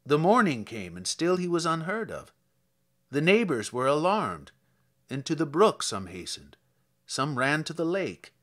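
In a slightly high voice with big pitch swings and a bit of brightness, a man performs dramatic poetry. He plays a kindly old village priest recalling the dead, delivering it in a measured, solemn, mournful way.

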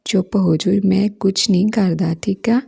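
A woman reading the part of a gentle, shy young husband who talks quietly, partly in a whisper. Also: medium pitch, normal speed, gravelly, husky, exaggerated voice.

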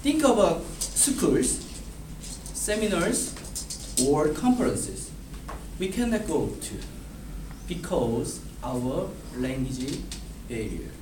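Standing at a classroom whiteboard, a South Korean man in his thirties reads his prepared speech slowly, stumbling, restarting and repeating words as he gestures. His voice sits fairly high and sounds expressive. Recorded by a camera across the room, the audio is distant, echoey and noisy.

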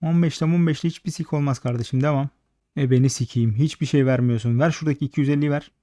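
A man giving casual, frustrated slot commentary, swearing constantly and talking at the machine, slightly hoarse late at night. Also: mid-range voice, fairly even intonation, fast, mellow, dry recording, clean studio sound. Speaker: slot streamer.

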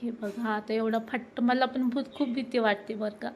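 A woman's voice: on the high side, moderate pace. Chatty woman vlogging a family celebration. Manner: chatty, excited, addresses viewers directly. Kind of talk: casual vlog narration. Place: at home during a family ceremony, indoors and outdoors. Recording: faint background noise.

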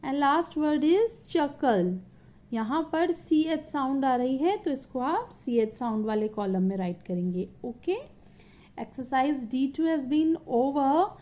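A woman's voice: sits high, animated, mellow, highs cut off. A woman teacher with an Indian accent, taking children through an English lesson and switching between English and Hindi as she explains. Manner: slow, deliberate reading aloud for kids.

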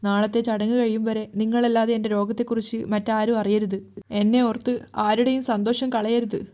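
Brief: woman narrator doing a gentle, sick older mother, slow soft pleading, fairly high mellow voice. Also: flat delivery, natural voice. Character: ailing older mother, gentle and self-sacrificing.

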